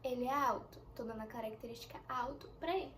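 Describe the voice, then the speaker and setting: A young woman teaching an English lesson in a chatty way, explaining slowly with examples. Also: on the high side, a little hiss or hum. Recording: echoey room with faint ambience.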